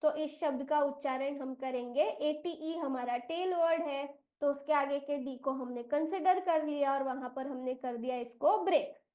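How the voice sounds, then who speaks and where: A woman from India trains teachers in English reading, spelling words out slowly and mixing Hindi with English phrases. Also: high-pitched, highs cut off. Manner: slow, deliberate spelling out of letters and syllables.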